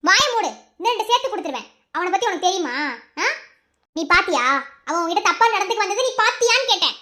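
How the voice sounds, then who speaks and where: A woman's voice: extremely high pitch, expressive, quick pace, bright, forceful tone, exaggerated voice. A woman voicing a fierce, scolding young wife. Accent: Madurai Tamil. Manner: scolding, threatening, indignant. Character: fierce young wife defending her husband.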